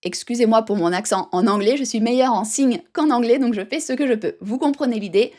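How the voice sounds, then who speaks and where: A woman's voice: on the high side, a little fast, dark tone. A woman teaching baby sign language in an upbeat, emphatic tutorial, speaking straight to the viewer. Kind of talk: direct-to-camera tutorial.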